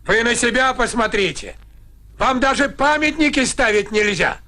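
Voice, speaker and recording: A man's voice: very high-pitched, normal speed, sharp tone. An actor playing an unbothered village man in a comedy film, mocking and dismissive.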